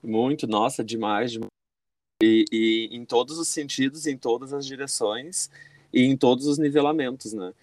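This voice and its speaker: A man's voice: medium pitch, normal speed, a little mellow, dry recording. A man, explaining energy and vibration in a casual podcast chat, full of fillers and restarts. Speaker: podcast guest.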